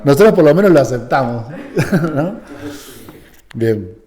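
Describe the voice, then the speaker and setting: A man's voice: medium pitch, expressive, measured pace, dark tone. A man giving a live seminar lecture. He talks conversationally, checks often that the audience follows, and acts out short bits of quoted dialogue.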